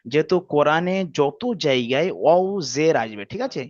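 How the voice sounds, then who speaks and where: A man teaching Quran reading, slowly spelling out letters and vowel marks and often checking that his students follow. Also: on the high side, expressive, no echo, dull audio. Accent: Bangladeshi Bengali. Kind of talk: slow spelled-out recitation lesson.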